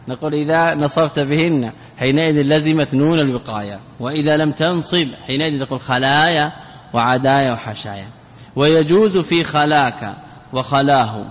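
A man, a scholar giving a traditional lecture on Arabic grammar, speaking deliberately, repeating key words and checking that students follow. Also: a little high, a bit bright. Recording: long hall reverb.

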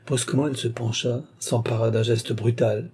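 A man reading a literary novel aloud in a measured, steady manner. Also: mid-range voice, husky. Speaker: audiobook reader. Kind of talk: scripted literary narration.

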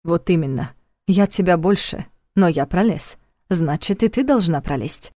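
A woman voicing a calm, steady man who soothes a frightened friend in a firm, reassuring way. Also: lowish voice, normal speed, no echo, studio quality, lightly acted. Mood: soothing.

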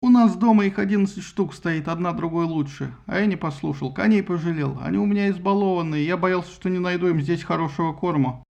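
A man's voice: sits high, fast, creaky, few pauses, darkish tone, voice pushed up. A man voicing a spoiled, whining young archer complaining about his luck. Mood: whiny. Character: whiny young male archer, spoiled and sulky.

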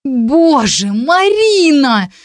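Woman reading a shrill bossy teen witch girl, squeaky high, dry close sound. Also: sing-song, a little fast, no room sound. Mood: indignant. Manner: shrill, scolding, exclaiming. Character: sharp-tongued young witch girl, purple-haired, bossy.

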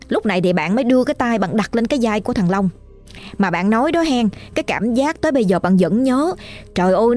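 A woman's voice: mid-range voice, a little mellow. A woman narrating a ghost story in a colloquial, exclamatory way.

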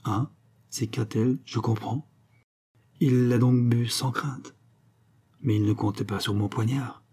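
A man reading an audiobook and voicing a fierce, superstitious young woman who speaks in a hushed, intense voice. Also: mid-range voice, fairly even intonation, a little slow, breathy edge.

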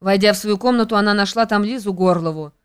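A woman reading a classic novel as audiobook narration, in an even, measured way. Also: medium pitch, clear, resonant tone. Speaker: audiobook reader.

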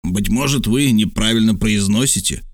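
A man voicing a calm, dryly ironic military major in an audiobook. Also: fairly low pitch, moderate pace, no room sound, studio quality, close to an everyday voice. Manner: calm, teasing. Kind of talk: audiobook character voice.

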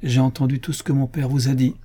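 A young Corsican daughter, as a man reads her lines in a storybook reading. She speaks softly and with care, worried and dutiful. The narrator's voice stays mellow and a little husky. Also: mid-range voice, level tone, fast, voice pushed up, lightly acted. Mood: anxious.

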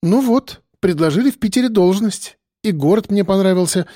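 A woman's voice: mid-range voice, lively intonation, normal speed, dark tone, no room sound, studio quality, voice pushed up, lightly acted. A male reader voicing a young policewoman who sounds hurt, jealous and dramatic. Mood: plaintive. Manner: plaintive, dramatic.

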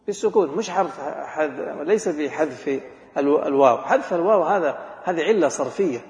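Guy teaching grammar, quizzes the class, slightly high voice, echoey hall, muffled old recording. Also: a little mellow. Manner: quizzes students, repeats words slowly, chuckles.

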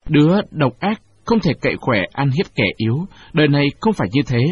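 A man voicing a brave, protective young male cricket who speaks firmly, with a husky voice. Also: a little high, very animated, a little fast, exaggerated voice. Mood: reassuring. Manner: firm, commanding. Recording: dull lo-fi recording.

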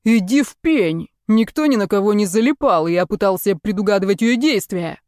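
A woman's voice: mid-range voice, moderate pace, warm tone, no room sound, clean studio sound, close to an everyday voice. A woman voicing a hot-headed young male player. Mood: snapping. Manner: snapping, defensive.

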